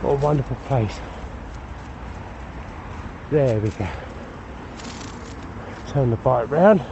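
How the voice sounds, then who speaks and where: A man's voice: mid-range voice, slow pace, highs cut off. Breathless man vlogging a bike ride. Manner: chatty, addresses viewers as guys. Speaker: cycling vlogger. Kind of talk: casual ride commentary. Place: outdoors on country roads. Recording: outdoor recording with traffic noise.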